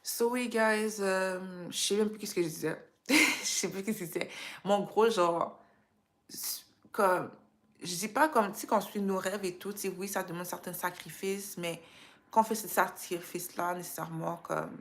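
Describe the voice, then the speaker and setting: With a medium-pitched, fairly bright voice, fairly even intonation and normal speed, a Quebec-born live stream host offers casual motivational talk. Her Quebec French accent shows Creole and English influence, and she peppers in English slang.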